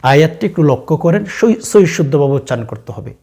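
Dark-voiced Bangladeshi religious teacher. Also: male voice, a little high, expressive, gravelly, slightly rough. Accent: Bangladeshi Bengali. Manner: preachy, addresses viewers directly, slow drawn-out recitation of verses. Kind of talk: religious instruction to viewers.

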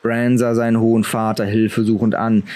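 A man reading a fantasy novel aloud as audiobook narrator, expressive and changing his voice for each character. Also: fairly low pitch, brisk. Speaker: audiobook reader.

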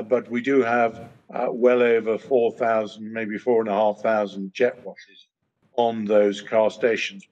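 An older British man on a video call, speaking as a panelist in a measured way, with many pauses and fillers. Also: lowish voice, darkish tone. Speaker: trade association chairman, panelist. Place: home study, indoors. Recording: muffled video-call audio.

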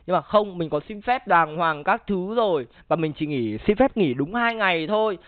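High-voiced male streamer, tinny and dry. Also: expressive, normal speed, dry recording. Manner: rambling, profane, pleading with the audience. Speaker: streamer reacting with friends. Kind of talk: casual chat.

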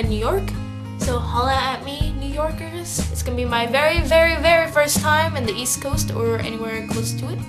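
High-voiced teenage girl chatting in a stairwell. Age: teens. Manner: rambling, conversational, self-correcting. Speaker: video blogger. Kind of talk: casual chat to camera. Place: indoor stairwell.

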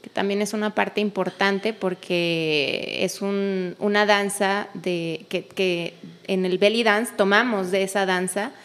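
A woman, hosting a casual interview and asking questions with small filler pauses. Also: medium pitch, steady tone, fairly bright tone. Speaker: host.

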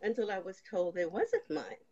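A woman's voice: mid-range voice, animated, moderate pace, gravelly, dark tone, slightly rough. Older woman telling her faith testimony. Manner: storytelling, reenacts conversations. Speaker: guest. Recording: slightly dull lo-fi sound.

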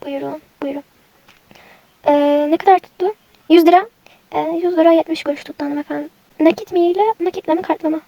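A woman voicing a weary, polite female cashier in a toy game role-play, speaking formally and quietly. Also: steady tone, brisk, pauses often, no room sound, dull audio. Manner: polite, formal, low-key.

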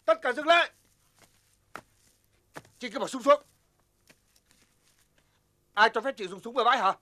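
A bossy village security chief. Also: male voice, extremely high pitch, expressive, a little slow, sharp tone, heavily acted. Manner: bossy, barking orders. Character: pompous lazy middle-aged village security chief. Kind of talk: Vietnamese film drama acting.

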